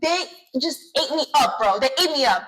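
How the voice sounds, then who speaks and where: A young woman, her voice high and bright in pitch. She tells her story quickly and with emphatic energy in a casual chat. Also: animated, rough recording. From United States. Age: young adult. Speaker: co-host.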